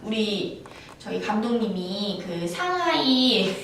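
A woman's voice: medium pitch, very animated, takes it slowly, creaky, a bit bright. A woman giving a casual language lesson, chatty and playful, acting out little scenes as she explains phrases. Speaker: Chinese language teacher. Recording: roomy, from a distance, faint background noise.

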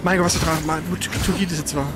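Over loud music, a gamer with a mid-range voice talks fast through casual commentary on their own play. They're excitable, exclaim readily and swear mildly, keeping things colloquial.

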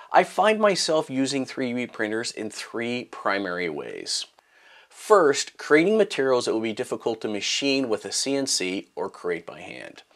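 A middle-aged man who hosts a maker channel speaks to the camera in a scripted explainer. His phrases open high and emphatic, then drop low at the end. He's recorded up close in his home workshop, a room lit purple.

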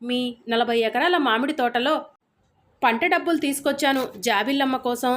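Woman reading a polite, humble old clerk, high voice. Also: moderate pace, lightly acted. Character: older male estate clerk, humble and apologetic.

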